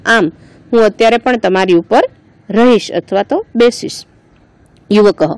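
A woman's voice: on the high side, a little mellow, no echo, low-quality recording. A woman teacher with a Gujarati accent teaching a lesson. She reads each line aloud, then explains it word by word. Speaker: school teacher.

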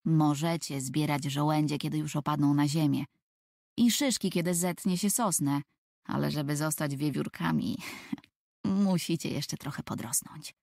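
A woman's voice: low voice, unhurried, gravelly, a little mellow, no room sound, studio quality. A woman voicing a cheerful, good-natured older boy who kindly teases the younger children. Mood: amused. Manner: amused, kindly.

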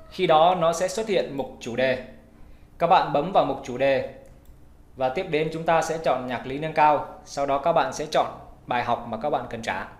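A man's voice: fairly high pitch, reverberant. A man giving an online music theory lesson, explaining patiently and going through items step by step.

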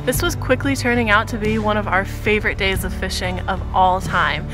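A woman narrating a fishing vlog as a voice-over, upbeat and smooth. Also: mid-range voice, a little fast, music in the background, low-quality recording. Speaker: fishing channel co-host.

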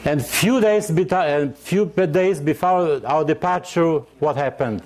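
An older man from Yugoslavia delivers a sermon with an earnest, searching manner. His voice sits a little high for a man. He climbs even higher and presses harder when he quotes scripture. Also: measured pace. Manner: earnest, searching for words with restarts and rising emphasis on scripture. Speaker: preacher.

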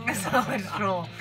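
A woman's voice: medium pitch, poor audio. A woman in her thirties chatting and joking through a game, giggly, with her words slurred by a mouth held propped open. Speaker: vlog host. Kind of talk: casual joking chat during a challenge game. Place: small indoor space, RV. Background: music.

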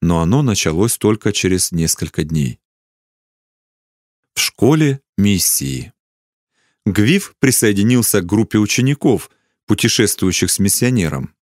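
Low-voiced man reading a children's story. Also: expressive, measured pace, pauses often, dry recording, studio quality. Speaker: narrator.

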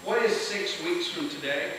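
A man teaching a beekeeping class to a live audience in a lively lecture manner, often putting questions to the room. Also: high-pitched, normal speed, crowd noise. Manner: energetic, asks the audience questions. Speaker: beekeeping instructor. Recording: echoey hall from far off, hiss.

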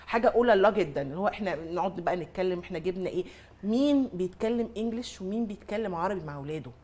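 A mother and influencer with an Egyptian Arabic accent chats comically on a talk show, mimicking other mothers. Her medium-pitched voice races along. She is an animated storyteller who laughs often.

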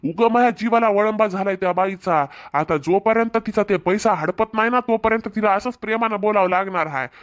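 A man voicing a scheming, two-timing husband who placates his wife and flatters his girlfriend, with a Marathwada Marathi accent. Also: sits high, fairly quick, few pauses, natural voice. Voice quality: smooth-talking, placating.

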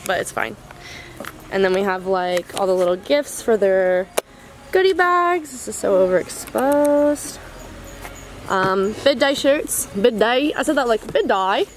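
A young American woman vlogging casually, with bubbly sorority-girl talk and playful asides. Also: medium pitch. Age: young adult. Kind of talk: casual vlog chat. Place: outdoors on a rooftop patio. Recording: noisy open-air background.

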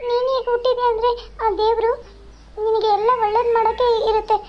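A woman's voice: very high voice, level tone, fairly quick, slight background noise. A woman voicing a sweet, affectionate younger sister, a college girl in a cartoon, who coaxes and consoles. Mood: consoling. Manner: affectionate, coaxing. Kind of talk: cartoon voice acting. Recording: slightly dull lo-fi sound.

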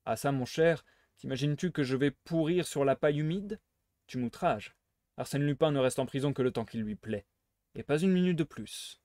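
Man reading a smug, playful gentleman burglar, dry recording, everyday register. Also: mid-range voice, moderate pace, no room sound, natural voice. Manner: playful, teasing, smugly theatrical. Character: suave mocking gentleman thief, adult man. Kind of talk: live reading of a novel aloud.

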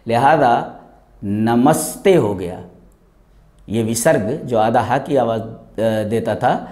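Methodical male scholar, mellow voice. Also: a little high. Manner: methodical, breaks words into sounds step by step; chants grammar rules and verses slowly. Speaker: Islamic scholar. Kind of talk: explanatory lecture.

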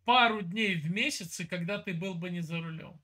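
A high-pitched, sharp-toned man in his fifties from Siberia, Russia, lectures insistently at normal speed, talking over the other person. He's a chat roulette streamer caught in a heated video chat argument, speaking into a webcam from a room at home.

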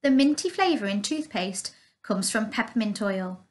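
A woman reading a children's picture book aloud, slowly, clearly and carefully. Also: mid-range voice, animated. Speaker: storyteller.

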